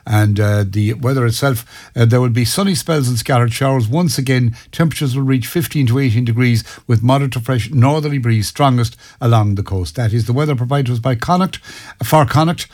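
Irish man reading weather, mid-pitched. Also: fairly quick, darkish tone. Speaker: radio weather presenter.

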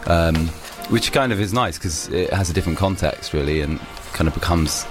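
With music in the background, a young man with a low-sitting voice talks fairly quickly as a musician guest in an interview. His casual answers wander, full of fillers and restarts.

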